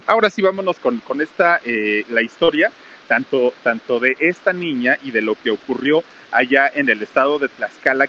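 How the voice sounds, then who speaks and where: A man's voice: mid-range voice, highs cut off, a little hiss or hum. A man hosting a live stream outdoors under a small roof in heavy rain, reading out viewer greetings in a raised, casual voice. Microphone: camera mic with crew nearby.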